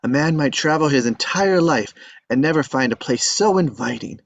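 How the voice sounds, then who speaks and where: A man's voice: a little high, expressive, moderate pace, dry recording. A man reading an earnest, polite eighteen-year-old young man in a table read. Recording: dull lo-fi audio.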